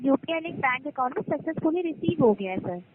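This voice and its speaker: A woman's voice: high voice, expressive, quick pace. Polite call-centre woman on a phone line. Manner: polite, formal, says sir constantly. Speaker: customer support agent. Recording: tinny phone line with noise.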